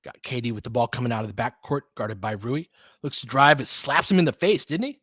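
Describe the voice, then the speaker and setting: Brisk and animated, the American fan host rattles off casual basketball play-by-play in clipped, colloquial present-tense phrases, clearly rooting for one side. His voice is medium-pitched, a bit bright and husky, captured at studio quality without echo.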